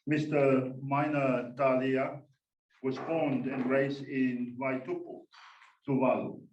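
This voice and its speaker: A man from Tonga, a church minister, giving a formal welcome and introducing a speaker, pausing often with "uh". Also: medium pitch, level tone, darkish tone, reverberant, recorded from a distance, lo-fi sound, a little hiss or hum. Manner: slow and measured, many "uh" pauses. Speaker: minister and workshop host.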